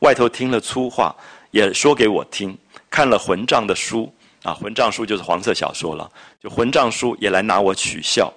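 Low-voiced man giving a storytelling lecture. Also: normal speed. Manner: explains phrases and retells scenes in a lively, chatty way. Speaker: literature lecturer.

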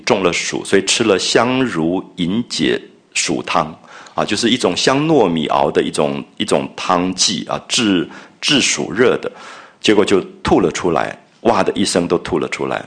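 A man's voice: deep voice, a bit bright. A man lecturing on a classic novel, explaining scenes in a conversational way and paraphrasing the characters' words with emphasis. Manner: conversational, paraphrasing and acting out quotes with rising emphasis.

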